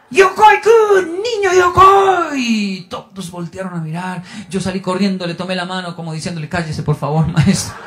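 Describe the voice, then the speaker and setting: High-voiced, animated storyteller. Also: male voice. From Colombia. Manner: animated, acts out scenes and voices. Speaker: speaker telling a personal story. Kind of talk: storytelling talk.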